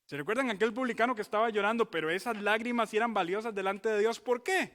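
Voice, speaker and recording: Speaking fast in a high voice, a male pastor delivers an expository sermon in a church sanctuary, his words ringing through the large hall. He moves between loud, emphatic exclamations and quiet, solemn warnings, repeatedly putting rhetorical questions to the congregation.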